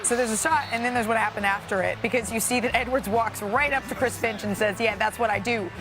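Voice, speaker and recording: A woman hosting a studio sports show, calling highlights in a brisk, upbeat way. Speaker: studio host. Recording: music bed under the voice.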